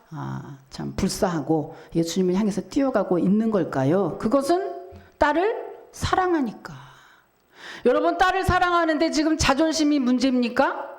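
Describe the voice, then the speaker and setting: A woman's voice: medium pitch, a little mellow. A middle-aged woman pastor preaching a sermon, telling a story vividly and asking the congregation rhetorical questions.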